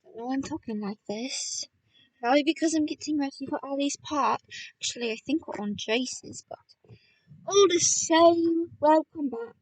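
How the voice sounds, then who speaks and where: Reading a novel as a laid-back audiobook, this woman has a high-pitched voice and keeps a moderate pace. She chats, breaks off to address her listeners, and plays with character voices. The rough recording has no room sound and a distant mic.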